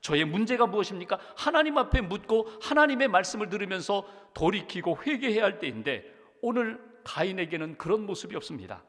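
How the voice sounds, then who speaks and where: A man's voice: sits high, a bit bright, big-room sound. A male pastor delivering a sermon, earnest and full of rhetorical questions. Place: church sanctuary.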